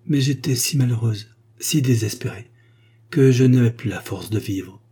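A man voicing a gentle, grateful poor young girl, speaking softly and earnestly in a slightly raised voice. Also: medium pitch, normal speed, slightly rough, close to an everyday voice. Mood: tender. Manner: soft, earnest and tender.

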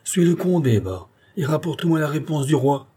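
A man's voice: moderate pace, darkish tone, slight background noise, lightly acted. A man reading aloud, voicing a proud, frightened queen who speaks haughtily and indignantly. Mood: commanding. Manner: haughty, indignant, rising pitch.

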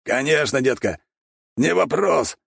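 A man's voice: mid-range voice, expressive, measured pace, vocal fry, fairly bright tone, breathy edge, no echo, clean studio sound, pitched above the performer's own voice, heavily acted. A man voicing a brash, arrogant young wolf thug who growls threats in an audiobook. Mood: swaggering.

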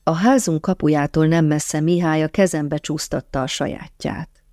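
A woman narrating a first-person memoir audiobook in a calm, measured, softly reflective way. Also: low voice, dry recording, studio quality.

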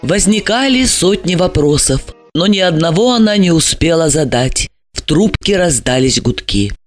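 A woman narrating an audiobook in an expressive storytelling manner. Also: on the low side, normal speed, faint music behind. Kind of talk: scripted narration.

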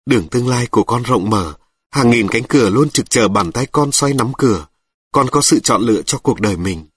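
A man reading reflective prose aloud in slow, measured scripted narration. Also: medium pitch, animated, slightly rough, no echo. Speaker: reader of an audiobook.

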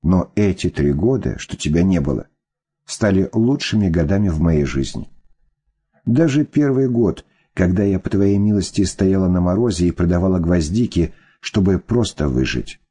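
A weary, embittered ex-wife and mother, read by a man, firm and scornful. The voice sits low and dark, with a husky grain. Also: animated, moderate pace.

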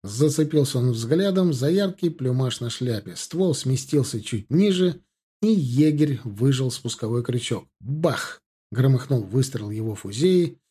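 A man's voice: mid-range voice, mellow, slightly rough. A man narrating a military adventure story as an audiobook in a dramatic storytelling manner. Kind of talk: scripted narration.

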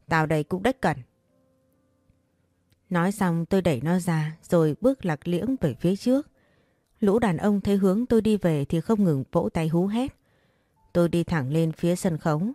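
A young woman narrating a first-person story with steady, dramatic delivery. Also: fairly low pitch, no echo, studio quality.

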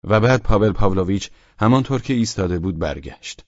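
A man narrating an audiobook in a calm, even storytelling manner. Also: fairly low pitch, dry recording, highs cut off.

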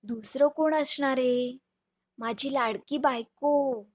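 A woman's voice: sits high, fairly even intonation, slow. A woman voicing a playful, affectionate young husband in a storybook reading, teasing and fond in tone. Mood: tender, hushed.

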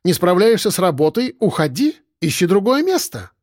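A man's voice: sits high, big pitch swings, normal speed, a little mellow, no echo, clean studio sound, voice pushed up. A man reading an audiobook voices a domineering, bellowing middle-aged woman who runs a factory office and scolds her staff. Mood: scolding.

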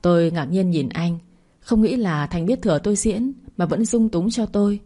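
A woman reads a first-person story aloud at a steady, calm pace. Her voice is low and warmly mellow, with a soft, unforced delivery. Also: normal speed. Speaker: story narrator.

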